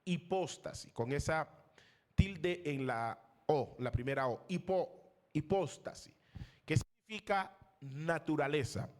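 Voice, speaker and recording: Pastor teaching, higher-pitched man. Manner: rising emphasis on key terms, asks questions to the class; pauses with fillers, searches for names. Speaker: pastor teaching a theology class. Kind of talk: classroom lecture.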